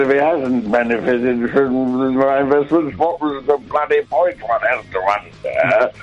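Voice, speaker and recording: A man's voice: mid-range voice, muffled recording, natural voice. A man voicing a pompous, irritable old ghost of a rich man, speaking in a comedy radio sketch. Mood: grumbling. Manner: haughty, scornful, grumbling.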